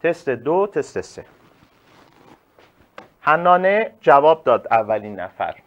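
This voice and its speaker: A male teacher giving a live online class, animated and emphatic, calling on students by name. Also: on the high side, dull audio.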